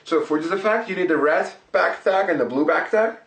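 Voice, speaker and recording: A man presenting card tricks and explaining them step by step, in deliberate, short broken phrases. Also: sits high, a bit bright. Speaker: magic tutorial presenter. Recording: roomy echo, distant microphone.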